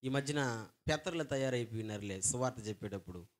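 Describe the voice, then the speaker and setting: A man preaching a sermon to a congregation. He asks rhetorical questions, tells stories, and urges his listeners to call back loudly. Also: medium pitch, brisk. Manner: call-and-response, urging the congregation to shout back. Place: church hall before a congregation.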